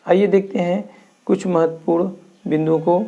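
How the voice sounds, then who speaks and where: A young man teaches Hindi grammar to a class. His voice is a little high and has a gravelly edge. He explains each term slowly and answers his own questions. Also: fairly even intonation, mellow, lo-fi sound.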